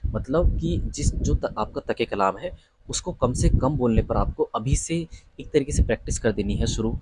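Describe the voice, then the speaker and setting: A man's voice: medium pitch, lively intonation, normal speed, noisy background. A young man teaching an online lesson on pronunciation for job interviews, patiently repeating each word and checking in with his students. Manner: patient, repeats words and asks "ठीक है ना?". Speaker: teacher coaching interview candidates.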